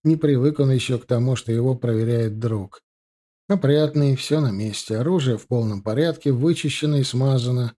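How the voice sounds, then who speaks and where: Man, audiobook narrator, calm, even, mellow voice. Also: medium pitch, moderate pace.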